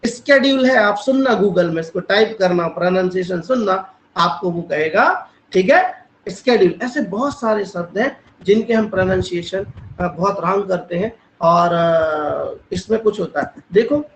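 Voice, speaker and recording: A man's voice: high-pitched, expressive, a little slow, roomy sound, a little hiss or hum, rough recording. A man from India teaching an online English class. He spells words out letter by letter and checks in often with his students. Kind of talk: online English grammar lesson. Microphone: online class call.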